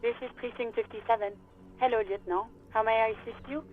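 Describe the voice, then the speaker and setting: A woman's voice: a little high, fairly even intonation. An actress voicing a polite female police dispatcher speaking over a crackly radio. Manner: brisk, formal. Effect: radio static. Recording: tinny radio line.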